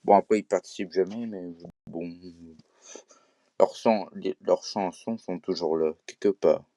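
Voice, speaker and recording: Speaking to camera with a Québécois accent, this Quebec vlogger is casual but hesitant, full of fillers and false starts. He has a deep, warm voice and keeps a measured pace, recorded dry.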